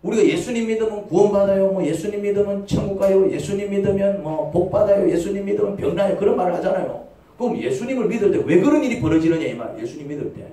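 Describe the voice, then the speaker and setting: A mellow, high-voiced pastor preaches at a quick pace in a church sanctuary, throwing out rhetorical questions and dramatizing brief quotes. The echoey church hall recording has his voice coming from well off the mic.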